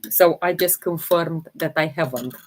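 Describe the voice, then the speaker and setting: A woman from Romania with a Romanian accent, hosting a holistic health livestream, talking casually and hesitantly while she demonstrates and answers viewer comments. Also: low-pitched. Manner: slow, hesitant, many fillers while demonstrating.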